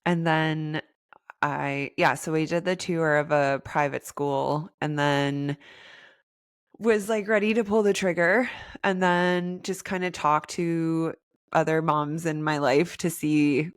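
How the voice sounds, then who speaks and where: A chatty woman in her thirties co-hosts a podcast, her voice raspy and hoarse from a lingering cold. Her pitch sits very low, and the sound is dry and close. She rambles along in an upbeat way. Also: steady tone, takes it slowly, no echo. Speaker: podcast co-host. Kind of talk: casual chat.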